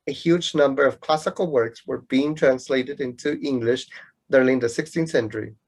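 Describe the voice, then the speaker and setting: In a radio play, a man voices a competitive young student, a know-it-all rival in love, who explains things to show off what he knows. He speaks at medium pitch and a moderate pace in a natural-sounding voice.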